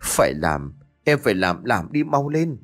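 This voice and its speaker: A man's voice: medium pitch, sing-song, a little slow, fairly bright tone, faint music behind, full character voice. A man plays an old husband near death, his voice choked yet stern. He barks short, urgent commands that allow no argument, in a spoken horror story. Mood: choked urgency.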